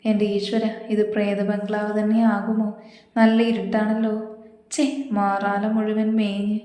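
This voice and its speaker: A woman voicing a feisty, lovestruck young heroine who talks dramatically and excitably. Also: mid-range voice, unhurried, lightly acted. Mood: excitable. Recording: very echoey room with a long reverb.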